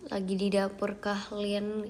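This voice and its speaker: A young woman hosting a casual livestream from home, chatting with viewers, thanking them and often dropping into soft whispers. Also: medium pitch, monotone, a little slow, slight background noise. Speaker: idol livestream host. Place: at home, outside her bedroom.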